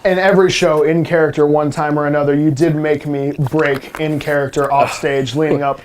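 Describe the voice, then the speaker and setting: A man's voice: fairly high pitch, little pitch movement, a little fast. Young man hosting a hot sauce challenge. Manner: coughing and gasping from spicy food. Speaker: host.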